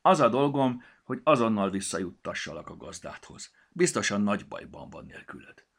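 A man with a gravelly, husky voice, voicing a lively, busy male gnome in a children's story, brisk and bossy. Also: lowish voice, heavily acted.

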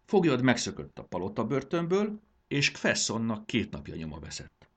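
A man's voice: mid-range voice, wildly swooping pitch, husky, pitched above the performer's own voice, heavily acted. A man reading a storybook aloud and voicing a cool, calculating male chief servant who speaks politely and measuredly.

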